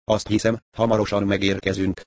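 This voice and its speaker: A man's voice: fairly low pitch, level tone, darkish tone, a little hiss or hum, natural voice. A man voicing a cheerful, slightly secretive young woman in an audiobook, with a lightly raised tone. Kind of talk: audiobook character voice.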